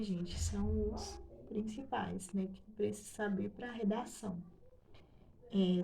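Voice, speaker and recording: Slow, halting Brazilian woman teaching. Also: mid-range voice, mellow, rough recording. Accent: Brazilian Portuguese. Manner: slow, halting, many fillers and self-corrections. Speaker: writing teacher. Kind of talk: casual online lesson.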